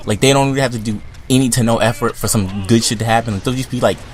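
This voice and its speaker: A young man in a profane, comedic rant to camera, swinging from loud outbursts to low mutters. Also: fast talker. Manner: animated, heated, swings between loud outbursts and low mutters, filler-heavy. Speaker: vlogger.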